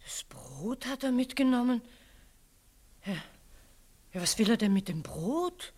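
A woman's voice: very animated, a little slow, darkish tone. An actress in a 1940s radio drama playing a frightened, fretful respectable woman. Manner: shrill, fretful.

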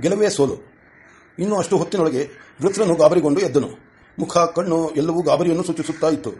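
A man's voice: a little high, a little fast, a little mellow. Man reading a storybook aloud. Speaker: audiobook narrator. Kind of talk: scripted story narration.

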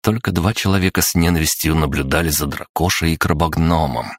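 A man narrating an audiobook in a steady, even storytelling manner. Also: extremely low pitch, fairly quick, no room sound, studio quality. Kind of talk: scripted narration.

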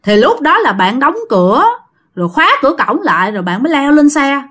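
In a high, sing-song voice with a fairly bright tone and fairly quick pace, a woman tells a ghost story chattily, often turning to address her listeners directly.

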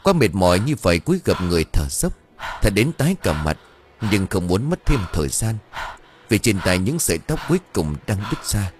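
A man narrating an audiobook story with expressive delivery. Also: low voice, normal speed, noisy background. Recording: faint background music.

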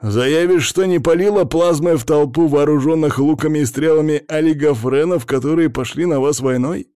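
A man's voice: normal speed, no room sound, clean studio sound, natural voice. A man doing a shrieking furious hamster alien. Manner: shrill, hysterical, foul-mouthed yelling.

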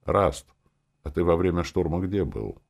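A man's voice: low-pitched, lively intonation, unhurried, creaky, a little mellow, exaggerated voice. A man voicing Svig, a curious young boy asking eager questions in an audiobook. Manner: curious, wide-eyed questions.

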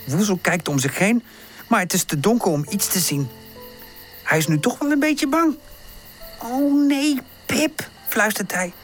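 A woman reading a children's storybook aloud with gentle, expressive narration. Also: lowish voice, moderate pace, soft background music. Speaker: audiobook narrator.

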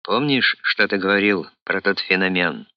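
A man voicing a shrewd middle-aged security officer who needles and questions his friends quietly. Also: fairly low pitch, unhurried, dry recording, lo-fi sound, natural voice. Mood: needling.

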